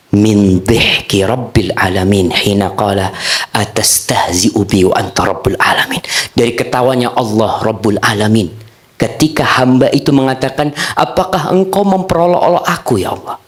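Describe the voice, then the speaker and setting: Male preacher, storytelling sermon, voice leaps high and drops low for the dialogue. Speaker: Islamic preacher.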